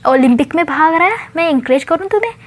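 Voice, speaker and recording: A quick, sharp-tongued young woman who needles and scolds her lovesick friend, voiced by a woman telling the story. Her voice is high-pitched and lively in its retorts. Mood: teasing.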